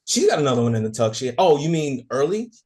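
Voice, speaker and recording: A man's voice: on the high side, big pitch swings, fast talker, darkish tone. Enthusiastic man gushing in a podcast chat. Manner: enthusiastic, gushing about music. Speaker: podcast co-host.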